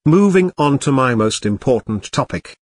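A man narrating scripted commentary as host in a formal, deadpan way. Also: medium pitch, moderate pace, no echo, studio quality.

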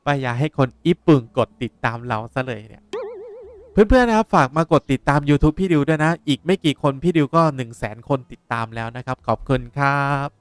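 Lively man teaching. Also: on the high side, a little fast, smooth. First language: Japanese. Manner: lively, explaining words with repetition. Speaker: Japanese language teacher. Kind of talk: game playthrough lesson.

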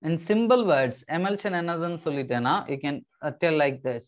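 Male teacher, South Indian Tamil accent, higher-pitched voice, very rapid delivery, didactic, code-switching lesson, repeats key terms. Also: animated, dull audio. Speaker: science teacher. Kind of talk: explanatory online lesson switching between English and Tamil.

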